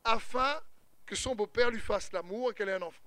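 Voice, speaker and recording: Male preacher, humorous storyteller, high bright voice, dry close sound. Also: a little fast, no echo. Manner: humorous, storytelling, lively retelling of scripture. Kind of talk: sermon.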